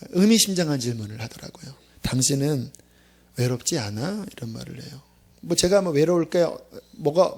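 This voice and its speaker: A man preaching a Friday sermon to his church, with a fairly high voice. He talks to the congregation like a friend, with sudden loud bursts and quiet, almost whispered asides. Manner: animated, conversational preaching with quick swings from loud to hushed. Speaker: pastor. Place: church sanctuary.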